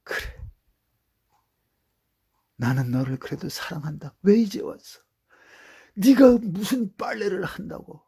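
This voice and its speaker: A male preacher voicing God as a loving father who gently reproaches and welcomes his children home, with a raised, pleading tone. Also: high-pitched, sing-song, measured pace, creaky, pauses often, slightly rough, voice pushed up, full character voice. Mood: tender, pleading.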